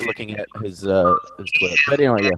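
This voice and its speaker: A man's voice: on the low side, fast, heavy background noise. A man in his twenties chatting casually with friends, rambling with lots of fillers and restarts and swearing freely. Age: 20s. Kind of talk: casual group chat.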